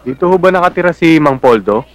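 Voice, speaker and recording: A man's voice: on the high side, animated, fast, dry recording, close to an everyday voice. Man acting polite young Filipino nephew, dry sound. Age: young adult. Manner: respectful, plain-spoken. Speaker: actor in a film. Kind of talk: Filipino film drama acting.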